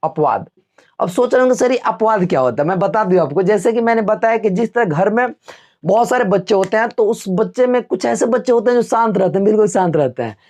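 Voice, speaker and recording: A man's voice: sits high, a little fast. Chatty male teacher quizzing his class. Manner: chatty, asks the class a question and answers it himself; homely everyday comparisons, relaxed teacherly tone. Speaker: English teacher. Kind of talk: classroom-style video lesson.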